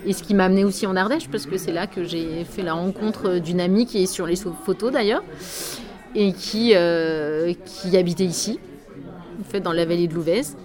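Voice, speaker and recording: A woman's voice: fairly low pitch, steady tone, normal speed. A French woman artist talking about her work in a casual conversation, hesitant, with many fillers. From France. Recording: crowd chatter behind.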